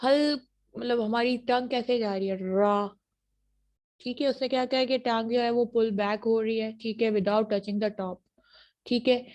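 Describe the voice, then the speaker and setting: A woman with a Pakistani accent giving an online university lecture on phonetics. She checks in with her students often and says each sound she teaches slowly and with care. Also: on the high side, steady tone, darkish tone. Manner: models sounds slowly and deliberately. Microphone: computer mic for an online class.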